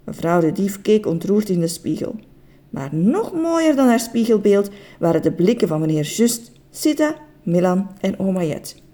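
Expressive woman reading a children's story. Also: medium pitch, normal speed. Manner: expressive, with occasional slips and restarts.

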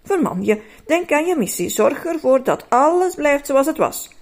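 A woman's voice: sits high, sing-song, moderate pace, voice pushed up. A woman voicing a stern, fussy storybook man who hates colour and scolds himself. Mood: agitated.

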